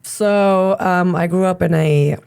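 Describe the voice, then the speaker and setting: Low-voiced woman from Germany. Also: takes it slowly, vocal fry, clean tone. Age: 30s. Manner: relaxed, laughs often, many ums. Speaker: podcast guest, gym owner and coach. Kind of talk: casual interview chat.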